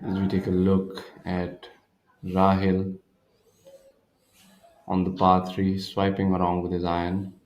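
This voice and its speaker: A man working as a golf commentator, calling tournament play live in a measured manner with pauses. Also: deep voice, completely flat delivery, a little mellow, muffled recording. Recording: roomy, echoing sound.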